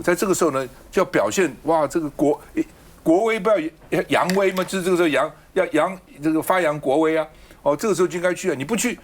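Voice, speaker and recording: Fast, lively talk-show man. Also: a little high. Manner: argumentative, fires off rhetorical questions. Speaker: political talk show host. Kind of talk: political talk show commentary.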